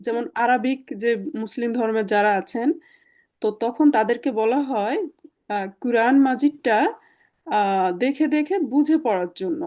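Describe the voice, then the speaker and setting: A woman leads an online language class, explaining slowly with frequent fillers. Her voice sits high but sounds mellow and soft. She is heard through a video call. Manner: patient, explaining step by step with many fillers. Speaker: German language teacher.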